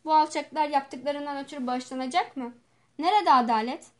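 A woman playing a furious shouting asylum patient. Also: high-pitched, fairly quick, natural voice. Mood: outraged.

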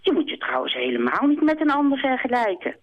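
A woman's voice: a little high, big pitch swings, fast talker, voice pushed up. A woman doing a kind timid hare. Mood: earnest. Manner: earnest, anxious. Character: kind timid male hare, eager to please. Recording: tinny phone line.

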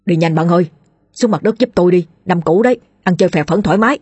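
A woman's voice: fairly low pitch, quick pace, darkish tone, husky, dry recording. A woman voicing a cheeky, shameless old man who chatters and nags. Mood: eager. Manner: chattering and nagging.

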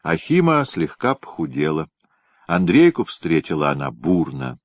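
A man with a very low voice narrates an audiobook in a measured, steady storytelling manner. The sound is dry and close to the mic. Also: no echo. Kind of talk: scripted narration.

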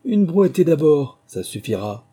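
Give me a man playing a bossy storybook rabbit, high-pitched and yelling. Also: sing-song, moderate pace. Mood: commanding. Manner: loud, commanding.

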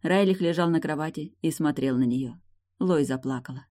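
A reader narrating a romance novel in an even, steady storytelling manner. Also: medium pitch, normal speed. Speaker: audiobook reader. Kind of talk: scripted narration.

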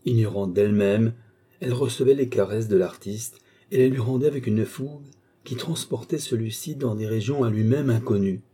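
A male narrator reads a nineteenth-century romance with measured, expressive phrasing. His voice sits low and sounds very dark and mellow, with a husky edge. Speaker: audiobook reader. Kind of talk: literary narration.

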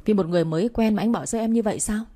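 A clingy, jealous young woman, as the woman narrator voices her, pressing with demands and pleas. The tone is warm and mellow, at a middle pitch. She is a figure in a read-aloud romance story. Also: very fast, close to an everyday voice. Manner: pleading, demanding.

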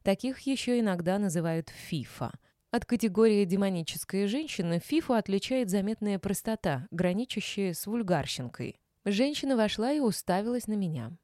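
A woman's voice: mid-range voice, lively intonation, normal speed, mellow, no room sound. A woman narrating a first-person audiobook with a dry, mocking delivery.

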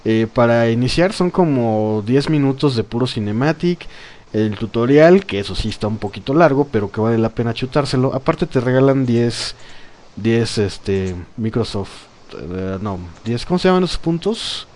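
A man hosting a podcast, chatting casually about games, animated and laughing often, with plenty of fillers. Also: mid-range voice, moderate pace. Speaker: podcast host. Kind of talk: casual gaming chat.

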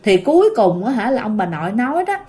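A woman with a mid-range voice and quick pace tells a ghost story in a chatty, casual way. She often speaks directly to her listeners and grows animated during the scary parts.

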